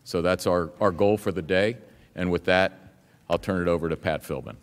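A man's voice: low voice, normal speed. A man speaking as a lawyer to a legislature in a formal but plain procedural address. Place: large indoor legislative chamber. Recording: echoey hall.

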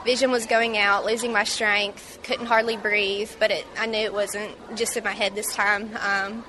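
A woman in her twenties from Mississippi recounting a personal story in an interview, halting and reflective with many fillers. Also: medium pitch, level tone, background noise. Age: 20s. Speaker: interview guest.

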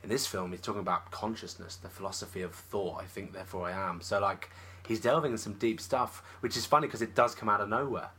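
A man's voice: lowish voice, steady tone, fast talker, few pauses, sharp tone, slight background noise. A man co-hosting a film podcast, talking eagerly and thinking aloud in casual chat. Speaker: podcast co-host, film reviewer.

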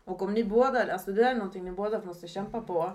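A woman's voice: medium pitch, darkish tone. A woman in a casual podcast chat, speaking earnestly and reassuringly. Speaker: podcast guest.

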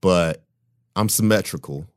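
A podcast co-host with a very low, deep voice holds forth in loose, casual chat, speaking with emphasis at a measured pace and often breaking into laughter.

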